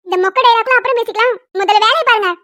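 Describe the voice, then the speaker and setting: A woman's voice: very high-pitched, dry recording, studio quality. A woman voicing a young cartoon wife who orders her husband around but cares for the family. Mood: scolding. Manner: scolding, quick commands. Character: bossy young wife, sharp-tongued and caring. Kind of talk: Tamil cartoon dubbing.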